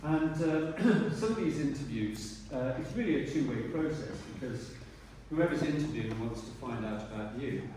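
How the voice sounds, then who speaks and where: A man, a retiring teacher giving a rambling speech at a dinner and often clearing his throat. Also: medium pitch, expressive, normal speed, few pauses. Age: 60s. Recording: echoey hall from far off, noisy.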